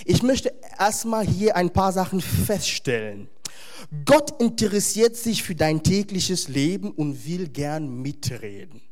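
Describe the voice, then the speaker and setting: A man preaching a sermon to a congregation, emphatic and animated, with wry humorous asides. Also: high-pitched, unhurried.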